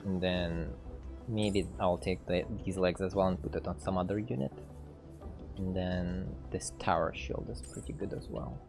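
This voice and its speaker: Male dev host, low voice, casual stream commentary, hesitant and chatty, quiet music behind. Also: moderate pace. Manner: thinking aloud, hesitant with fillers, reads game text. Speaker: game developer streaming gameplay. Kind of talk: casual livestream gameplay commentary.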